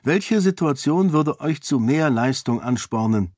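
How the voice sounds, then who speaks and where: A man's voice: a little high, lively intonation, unhurried, a little mellow, dry recording, studio quality, pitched above the performer's own voice. Resolute young princess, as a male reader puts her on. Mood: firm persuasive. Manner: firm, persuasive, urgent.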